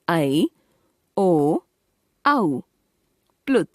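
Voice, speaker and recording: A woman teaching a children's grammar lesson, reading out letters one at a time with careful pauses. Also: lowish voice, a little mellow, dry recording, clean studio sound.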